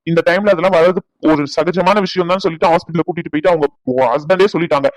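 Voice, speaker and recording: A man's voice: a little high, steady tone, dry recording, close to an everyday voice, low-quality recording. Man voicing an exasperated cartoon son. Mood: indignant. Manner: indignant, rapid arguing. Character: exasperated grown son defending his wife. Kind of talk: cartoon family-drama voice acting.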